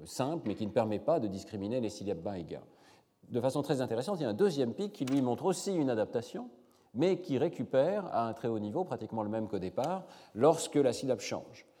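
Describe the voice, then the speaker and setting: A man's voice: mid-range voice, mellow. Hesitant man lecturing in a hall. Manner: measured, many hesitations. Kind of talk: academic lecture with slides.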